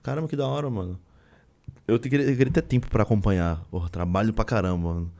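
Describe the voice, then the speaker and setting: Fast-talking slangy Brazilian man. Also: fairly low pitch, darkish tone. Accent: Brazilian Portuguese. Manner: slangy, informal. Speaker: host. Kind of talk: casual chat.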